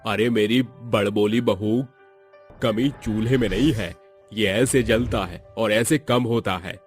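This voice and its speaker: A man playing a calm, mild father-in-law who speaks slowly and patiently. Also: lowish voice, soft background music.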